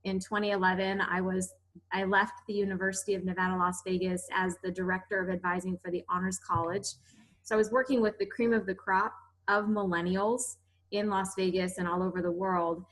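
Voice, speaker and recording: Female guest, author, upbeat and explanatory, bright clear tone. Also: mid-range voice, flat delivery, fairly quick, low-quality recording. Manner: upbeat, explanatory, some restarts. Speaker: author and money coach guest. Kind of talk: casual interview chat.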